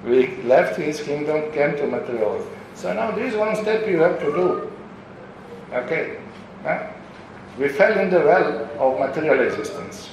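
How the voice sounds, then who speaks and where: A man's voice: fairly high pitch, big pitch swings, normal speed, darkish tone. A man from Europe giving an informal spiritual question-and-answer talk as a visiting preacher, telling anecdotes, saying "you know" often and acting out the voices he quotes. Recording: very echoey room with clear background noise.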